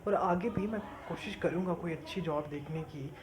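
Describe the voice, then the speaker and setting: A performer playing an earnest young man, a caring elder brother, who talks in a steady, reassuring way in an amateur short film. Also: medium pitch, moderate pace, natural voice. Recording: echoey room with steady background noise.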